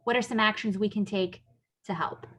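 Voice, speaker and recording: A woman moderating an online event, reading out audience questions and calling on the next speaker in a brisk, upbeat way. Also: medium pitch, fairly even intonation, fairly bright tone, husky. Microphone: video call.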